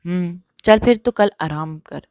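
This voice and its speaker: A woman's voice: lowish voice, darkish tone, dry recording, clean studio sound, natural voice. A woman voicing an easygoing, teasing young man talking on the phone in an audiobook reading. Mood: playful.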